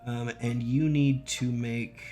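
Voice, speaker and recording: A man's voice: mid-range voice, fairly even intonation, takes it slowly, mellow. A man acting as game master, talking casually and slangily, joking as he explains rules and narrates play. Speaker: game master of a tabletop role-playing game. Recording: music playing behind the voice. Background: music.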